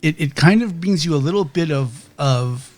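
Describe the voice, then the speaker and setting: A male game master with a higher voice who narrates loosely and keeps checking in. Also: lively intonation, normal speed, darkish tone, soft background music. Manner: rambling, with many restarts and "okay?" checks.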